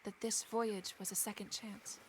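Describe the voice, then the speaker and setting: A woman's voice: medium pitch, flat delivery, moderate pace, a little hiss or hum, lightly acted. A woman playing a free-thinking young Regency lady in a stagey period drama, genteel and questioning. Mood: doubtful, reflective.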